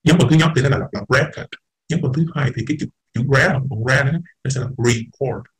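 A man's voice: medium pitch, rapid-fire, breathy edge, low-quality recording. A man teaching an English class, explaining patiently, repeating words and mixing English terms into his talk. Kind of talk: online class lecture.

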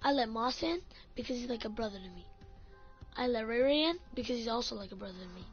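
Woman, fairly high voice, profane casual vlog rant, dull lo-fi audio, faint music behind. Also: lively intonation, quick pace. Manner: ranting, profane, full of "like". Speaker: gaming clan leader.

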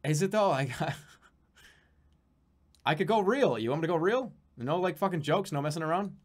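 His pitch fairly high and his speed normal, a man in his thirties hosts a casual live stream from a small room at home. Reading donations aloud, he rambles and swears, sometimes breaking into excited shouts.

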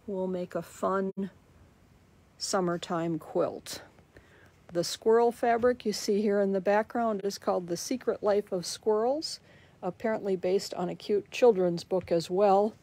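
A woman's voice: medium pitch, mellow. A woman giving a chatty walking tour of a large quilt shop, recorded on a handheld phone. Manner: slow, chatty, promotional.

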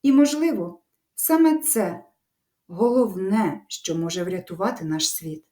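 Expressive woman teaching a literature lesson. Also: medium pitch, unhurried. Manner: expressive, lively storytelling delivery; warm encouraging address to pupils.

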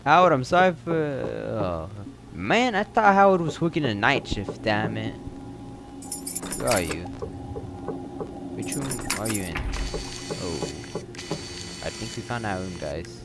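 Low gravelly gamer exclaiming. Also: male voice, sing-song, slow, pauses often, loud music behind the voice, rough recording. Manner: jumpy, exclamatory, laughing asides. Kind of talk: horror game commentary. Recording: loud game noise behind.

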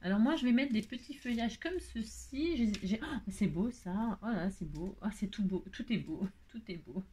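This casual crafting tutorial features a woman with a French accent whose medium-pitched voice is mellow and expressive, at a moderate pace. As she makes cards she chats, reasons out loud, and often lets out happy exclamations.

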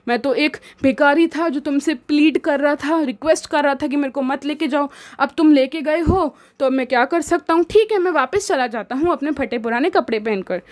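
A woman voicing a poor male tramp who sells rattraps, reading book lines slowly and retelling them in Hindi. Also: high-pitched, lightly acted. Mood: pleading.

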